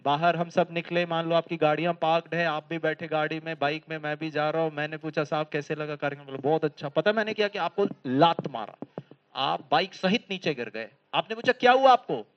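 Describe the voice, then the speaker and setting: A high-voiced man delivers a motivational lecture, full of humorous stories and quick questions to his listeners. He sounds lively and talkative. The recording is slightly dull and lo-fi. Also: clear, resonant tone. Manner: lively, humorous storytelling, asks the audience questions. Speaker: spiritual lecturer. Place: lecture hall.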